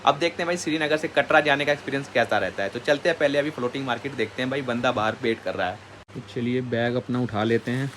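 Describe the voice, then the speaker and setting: A man's voice: medium pitch, quick pace, a bit bright. Male travel vlogger, chatty and friendly, filming himself outdoors on a lake boat with a handheld camera, faint background noise. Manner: chatty, keeps calling the viewer "bhai". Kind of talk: casual travel vlog.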